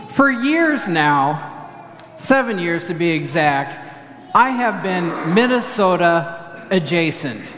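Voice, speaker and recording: A man's voice: high-pitched, fairly bright tone. A man preaching as pastor, chatty and humorous, leading the congregation in spoken responses. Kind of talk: sermon. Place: church sanctuary. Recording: echoey church hall.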